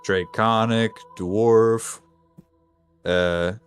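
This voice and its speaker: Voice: mid-range voice, fairly even intonation, extremely slow, faint music behind. A player in a tabletop game, casual and giving short replies.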